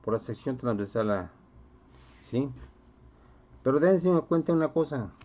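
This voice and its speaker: Animated but unhurried, a man with a mid-range, dark voice gives a physics lecture to a class, checking in and quizzing students often. The recording is dull and lo-fi.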